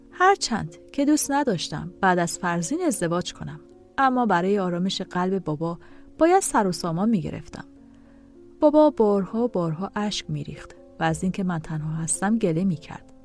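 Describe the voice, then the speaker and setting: A woman's voice: medium pitch, very animated, a little mellow, soft background music. A woman narrating a dramatic first-person story in an emotional, scripted reading.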